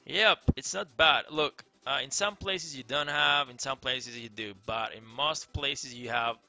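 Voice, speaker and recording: A young Greek man streams a game on webcam from an indoor room, chatting with viewers and reading their comments in a Greek accent. At a measured pace, his medium-pitched voice is creaky, pushed and bright, and he rambles loosely with many fillers, often saying "crazy." Soft background music accompanies him.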